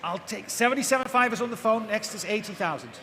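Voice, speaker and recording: A man's voice: high voice, quick pace, pushed and bright. A man working as an auctioneer, calling bids live in a repetitive chant and prompting bidders for the next figure. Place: large auction hall with live audience. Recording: echoey noisy hall, amplified live event.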